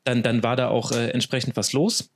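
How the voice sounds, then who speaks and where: Franconian guy in his 30s, sports journalist guest, chatty and excited, lots of ums and restarts. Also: mid-range voice, brisk. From Franconia, Germany. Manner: chatty, enthusiastic, many restarts and fillers. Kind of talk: casual podcast interview.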